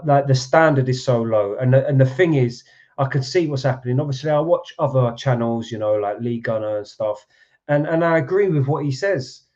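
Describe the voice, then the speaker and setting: Here the host's voice sits in the middle range with a slightly mellow quality. He's streaming from home, swearing and venting about the match, captured in flat lo-fi audio.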